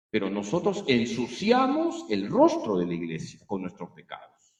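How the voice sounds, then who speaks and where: Priest with lively, rising voice. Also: male voice, high-pitched, echoey room. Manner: emphatic, repeats key phrases; storytelling with acted quotes. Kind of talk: catechism class.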